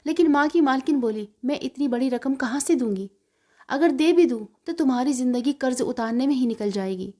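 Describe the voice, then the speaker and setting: A woman with a high voice reads a sad first-person story aloud. She keeps a steady, heartfelt narrating tone throughout. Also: brisk.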